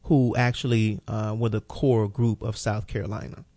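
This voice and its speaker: A man's voice: lowish voice, steady tone, normal speed, dark tone, dry recording. A man hosting a radio program, talking in a casual, rambling way as he sets up questions for a guest. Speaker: radio show host. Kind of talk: radio interview.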